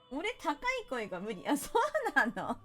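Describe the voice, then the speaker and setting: Animated Kansai-accented woman streamer. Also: extremely high pitch. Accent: Kansai Japanese. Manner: chatty, reads viewer comments aloud, playful and animated. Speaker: VTuber game streamer. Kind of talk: casual live-stream chat while gaming.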